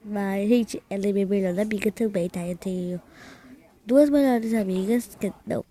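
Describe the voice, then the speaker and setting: Teen girl vlogger, mellow voice, chatty and rambling, quick delivery. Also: medium pitch. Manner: rambling, talks fast by her own account. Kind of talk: casual chat, recounting a prank.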